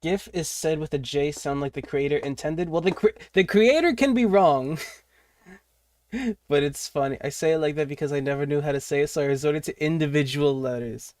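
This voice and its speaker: A man's voice: fairly high pitch, level tone, fairly quick, a little mellow, dry recording, studio quality. A young man streaming while he draws, chatting casually, rambling and swearing, muttering to himself as he works. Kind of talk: casual livestream chat while drawing.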